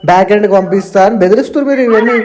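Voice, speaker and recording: A man's voice: high-pitched, rapid-fire, background noise. A man, arguing on a phone call, repeating his points and mixing in English phrases. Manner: argumentative, repeats himself, mixes in English phrases. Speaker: borrower on a call with an agent. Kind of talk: heated phone argument.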